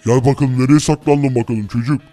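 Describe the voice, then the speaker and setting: A taunting, menacing henchman with a dark, mellow voice who threatens in quick bursts, as a man puts him on. The voice sounds dry and close, with faint game music behind it. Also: mid-range voice, fairly even intonation, no echo, voice pushed down, natural voice. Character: menacing male henchman of a villainous grandmother.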